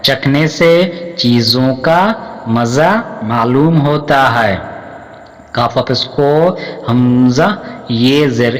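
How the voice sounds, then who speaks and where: Man w pakistani accent spelling out urdu words super slow, lots of hall echo. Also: mid-range voice. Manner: slow, drawn-out syllables, repeating each word. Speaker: Urdu reading teacher. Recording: long hall reverb.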